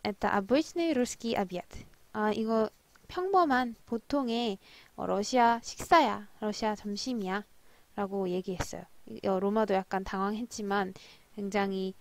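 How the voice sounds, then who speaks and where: A young woman teaching Russian from drama scenes, who slowly spells out words and repeats drills. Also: medium pitch. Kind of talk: language lesson explaining drama lines.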